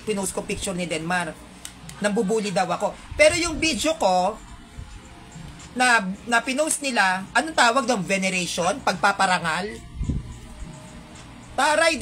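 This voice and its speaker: A woman's voice: medium pitch, fairly bright tone. A woman with a Filipino accent, delivering an indignant, heated monologue to her viewers with rhetorical asides.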